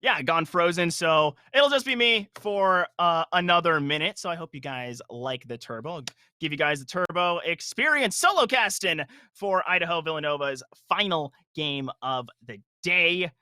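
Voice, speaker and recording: A young man giving energetic, analytical live commentary on an esports match. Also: fairly high pitch, moderate pace, few pauses, smooth, no echo. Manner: energetic analytical play-by-play, frequent restarts.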